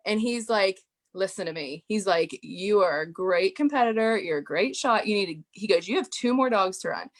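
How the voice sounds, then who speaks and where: Woman, podcast guest, chatty storyteller, mid-pitched voice, filler-heavy. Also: lively intonation, moderate pace. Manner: chatty storyteller, frequent "you know" fillers. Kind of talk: casual podcast interview.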